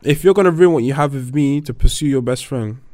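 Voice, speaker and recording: A man's voice: medium pitch, fast talker, mellow, no echo. A young man speaks in a London roadman accent, recorded close and dry. He is slangy and opinionated, talking casually as a podcast host among friends. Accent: London, urban roadman slang. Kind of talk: casual group discussion.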